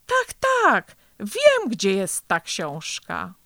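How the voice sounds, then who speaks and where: A woman's voice: mid-range voice, big pitch swings, takes it slowly, fairly bright tone, dry recording, studio quality, full character voice. A woman voicing a small, worried boy turtle who talks in an anxious, plaintive way in a storybook reading. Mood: excited.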